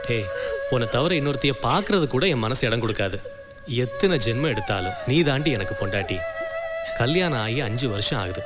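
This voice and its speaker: A man's voice: medium pitch, lively intonation, brisk, over loud music, close to an everyday voice. An actor playing a young married man caught between his father and his wife, speaking tenderly to her.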